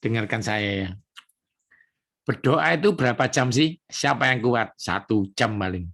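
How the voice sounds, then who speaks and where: A male pastor delivers an evening prayer sermon. He preaches emphatically, turning from solemn scripture reading to loose, conversational asides to the congregation. His voice sits at a middle pitch for a man. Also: unhurried, vocal fry, fairly bright tone.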